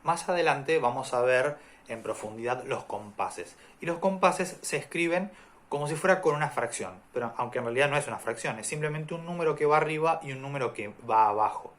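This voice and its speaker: A man teaches music theory in a video lesson, calm and methodical as he walks through examples step by step. His voice is medium in pitch and his pace fairly quick.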